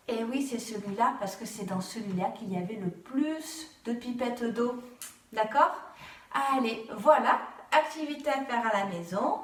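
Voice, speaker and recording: A woman's voice: high voice, a bit bright, far from the mic, a little hiss or hum. A woman teacher giving a patient home video lesson to young children, often checking they follow. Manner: patient, keeps asking "d'accord?". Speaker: kindergarten teacher. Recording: roomy sound, voice set back from mic.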